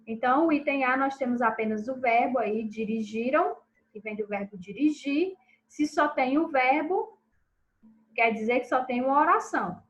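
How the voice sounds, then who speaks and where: Her high voice comes through with the top frequencies cut off as this teacher leads pupils through a recorded review, checking in after every answer and enunciating syllables slowly and clearly.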